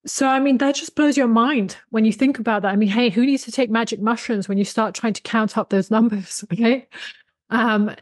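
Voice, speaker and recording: A woman in her thirties, an author and expert on folk spirituality, explains her subject emphatically and conversationally as an interview guest. Her voice is on the high side, brisk, with fairly even intonation. She's on a video call from a small indoor room with bookshelves, close to a desktop USB condenser mic, with no room sound.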